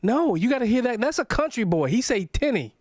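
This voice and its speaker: A man's voice: very high-pitched, very animated, brisk, darkish tone, no echo, clean studio sound. A man hosting a radio talk show, bantering playfully and laughing, often restarting his phrases. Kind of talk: casual on-air banter. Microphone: studio microphone.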